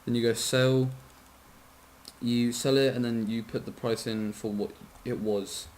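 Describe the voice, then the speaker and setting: A man's voice: mid-range voice, fairly even intonation, a little slow, darkish tone. A drowsy man talks through a casual game tutorial in an ordinary mid-range voice. He rambles, keeps apologizing, trips over numbers and corrects himself, with the odd swear. A faint hiss sits under his voice. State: sleepy, yawning.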